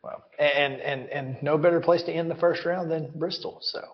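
A male sports host chatting easily with his guest, chuckling and repeating words as he thinks. His voice sits a bit high for a man. The sound is dull and lo-fi. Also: steady tone, moderate pace. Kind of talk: casual sports talk.

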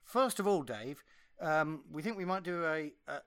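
A man with a cough-roughened, husky voice, co-hosting a casual podcast chat in a wry, self-mocking way. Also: a little high, lively intonation, moderate pace, a bit bright, no echo. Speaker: podcast co-host.

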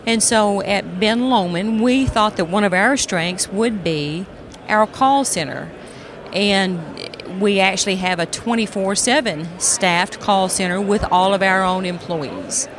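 A female executive answers as an interview guest on a live podcast at a convention. Her voice sits at a middle pitch, and she explains things in a measured, businesslike way. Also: crowd noise. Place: convention expo hall.

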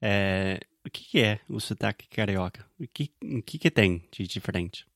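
A man with a low-pitched voice leads a casual interview. He asks questions and repeats example words to show how they sound. The recording is dry, with very little room sound. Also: animated, moderate pace, fairly bright tone, no room sound. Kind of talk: casual chat.

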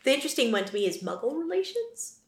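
A woman's voice: high voice, very animated, quick pace. A woman co-hosting a casual book podcast, talking emphatically. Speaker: podcast co-host. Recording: roomy echo.

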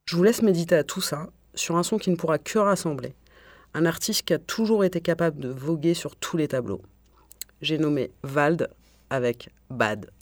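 A man's voice: a little high, no room sound. Man reading a rhetorical radio column. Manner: measured, rhetorical, a few restarts mid-sentence. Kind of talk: read-aloud opinion column.

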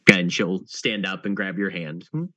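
Low-voiced guy gm, slow, lots of hmms, dry close sound. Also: steady tone, bright, forceful tone, no echo. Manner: unhurried, with many thinking pauses. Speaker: game master. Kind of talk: narrating a tabletop game.

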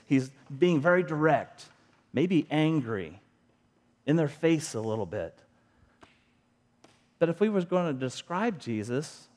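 A man's voice: fairly high pitch, darkish tone. A middle-aged man preaching a sermon as a pastor, talking in a conversational way and often asking the congregation rhetorical questions.

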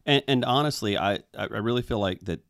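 A man with a low, gravelly voice weighs his words with care and some hesitation. He speaks in a relaxed conversation about church life. The sound is dry and close. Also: no echo. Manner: careful, hesitant, measured phrasing. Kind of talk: reflective casual conversation.

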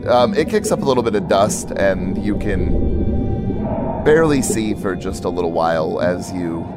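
A man with a low voice narrates a tabletop game as its game master, setting scenes in a calm, descriptive way with soft pauses. Loud music plays under his voice. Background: loud background music.

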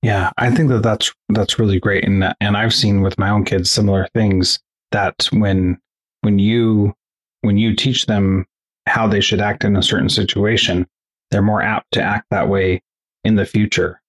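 A man hosting an interview podcast, asking thoughtful, measured questions and sharing about his own family. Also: fairly low pitch, flat delivery, slightly rough. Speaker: podcast host. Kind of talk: conversational interview.

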